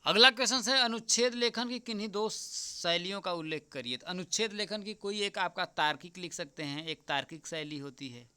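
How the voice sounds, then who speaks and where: A man teaching as an exam tutor, going through a paper answer by answer, repeating the key answers slowly and often checking with "right?". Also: sits high, bright, forceful tone, smooth. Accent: Hindi. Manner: repeats answers slowly, keeps asking "ठीक?"; addresses viewers as friends.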